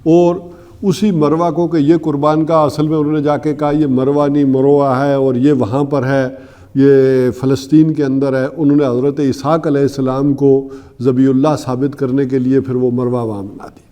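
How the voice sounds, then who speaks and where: A man giving a religious lecture, explaining scripture step by step, slowing down to recite verses and asking rhetorical questions. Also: mid-range voice, little pitch movement, dark tone. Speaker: Quran teacher.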